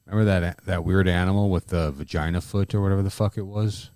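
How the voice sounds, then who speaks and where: A man with a fairly low voice co-hosts a casual podcast, blunt and profane and quick with a crude joke. His voice is recorded close and dry. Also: fairly even intonation, darkish tone, dry recording. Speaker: podcast co-host.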